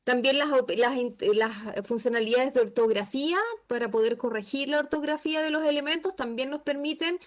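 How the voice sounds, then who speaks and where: Female instructor, high voice, patient step-by-step teaching, slightly muffled call audio. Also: fairly quick, hardly any pauses. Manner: patient, asks the class checking questions. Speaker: Excel instructor. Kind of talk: online class teaching. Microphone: video call.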